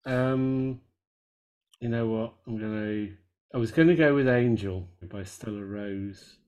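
A man's voice: medium pitch, slow pace, darkish tone, clean tone. A man co-hosting a casual music podcast, laid-back, swearing easily and trailing off with ums. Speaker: podcast co-host. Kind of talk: casual chat about music.

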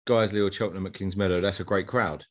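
A man speaks in a fairly low register with an Essex accent. He co-hosts a casual football chat. His phrasing is colloquial and slangy, like talk between mates. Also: fairly even intonation, rapid-fire, muffled recording. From Essex, England. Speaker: podcast co-host.

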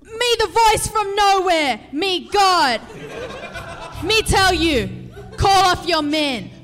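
A man's voice: very high voice, expressive, slow, pushed and bright, exaggerated voice. A man voicing a naked half-orc who pretends to be a disembodied voice from nowhere, in crude broken speech. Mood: booming. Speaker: player. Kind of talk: live tabletop roleplay. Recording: echoey hall with music and crowd.

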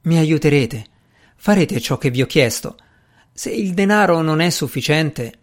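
A man's voice: on the high side, expressive, measured pace. A man reading aloud voices a grieving, proud society lady with a cutting, scornful manner. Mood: pleading.

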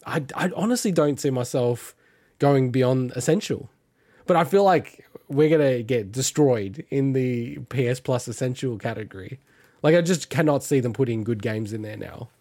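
A man's voice: mid-range voice, normal speed, no room sound, clean studio sound. An Australian man giving his opinionated take in a casual gaming chat. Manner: opinionated, animated rant. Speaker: podcast co-host.

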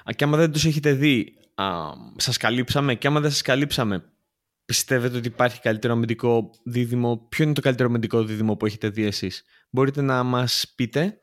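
A man's voice: mid-range voice, fairly even intonation. A man co-hosting a casual football podcast, bantering and repeating phrases for effect. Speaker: podcast co-host.

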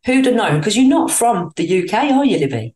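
A woman's voice: mid-range voice, sing-song, brisk, darkish tone. A woman with a British accent hosting a podcast interview, speaking in an effusive, gushing way full of spiritual phrasing. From Britain. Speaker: podcast host. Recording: roomy echo, distant from mic.

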